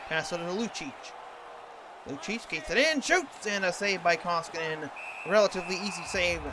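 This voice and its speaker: A man's voice: high-pitched, expressive, normal speed, background noise. A man calling hockey play-by-play over a video game in the manner of a TV sports announcer. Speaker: sports commentator.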